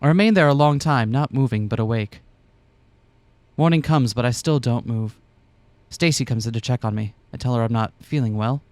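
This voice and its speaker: A man's voice: medium pitch, moderate pace, a little mellow, no room sound. A man co-hosting a let's play, switching between casual commentary and reading a visual novel aloud with playful, theatrical asides.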